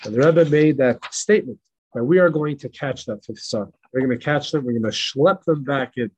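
Husky animated rabbi. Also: male voice, medium pitch, moderate pace, low-quality recording. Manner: animated, emphatic teacher with repetitions. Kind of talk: Passover class reading and storytelling. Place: synagogue in El Paso.

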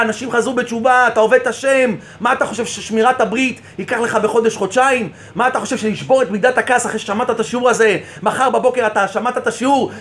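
High-voiced man preaching with fervor. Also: fairly bright tone. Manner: impassioned, rhetorical questions, repeats phrases for emphasis. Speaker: rabbi. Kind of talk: sermon.

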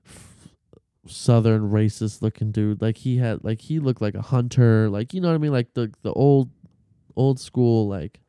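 A man's voice: on the low side, moderate pace, mellow, smooth, no room sound, clean studio sound. A man on a casual podcast, telling a long story with profanity, fillers and restarts. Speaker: podcast co-host.

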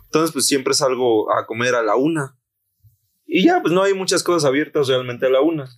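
A young man with a Mexican Spanish accent telling a story in casual chat, slangy and animated, acting out the voices he quotes. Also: mid-range voice, moderate pace. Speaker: podcast co-host.

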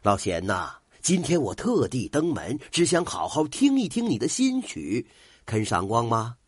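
A pompous, lecherous official, loud and used to being obeyed, as an old storyteller puts him on. The voice swings widely in pitch and sounds a little husky. It is close and dry, with no room sound. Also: male voice, wildly swooping pitch, measured pace, dry recording, heavily acted. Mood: jovial, sly. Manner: booming, bossy.

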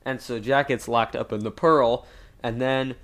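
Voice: medium pitch, fairly even intonation, unhurried, fairly bright tone. A podcast co-host in casual chat, recapping a plot at length with lots of restarts and laughs.

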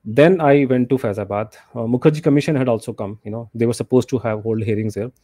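A man's voice: mid-range voice, fast talker, mellow, no room sound. A middle-aged man with a North Indian accent telling stories as an interview guest, repeating himself and often saying "you know". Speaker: interview guest, journalist and author. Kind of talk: casual interview, storytelling.

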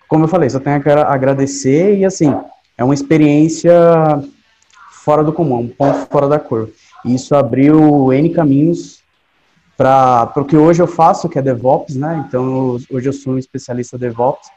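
Here the Brazilian-accented DevOps guest, a man in his late twenties, sounds a little high and warm. He keeps the podcast interview casual, full of slang and tag questions, over dull lo-fi audio with a faint hiss.

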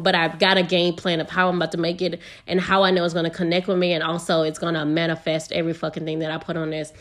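A young American woman hosting a casual solo podcast, talking frankly and energetically with plenty of profanity. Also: on the low side. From United States. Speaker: podcast host.

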